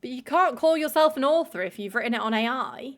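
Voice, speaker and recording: Her voice sits high and she's a fast, expressive talker. As a livestream host, this woman chats casually with viewers, saying "like" constantly and swearing openly.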